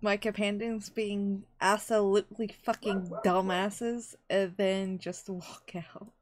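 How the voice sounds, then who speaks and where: Slow, deadpan woman player. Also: mid-range voice. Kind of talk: tabletop game role-play.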